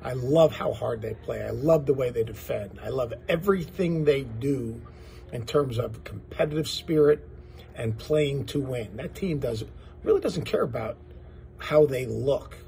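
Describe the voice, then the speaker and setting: A man's voice: medium pitch, measured pace, gravelly, mellow. A man giving emphatic post-game sports commentary as an analyst, building points through repetition.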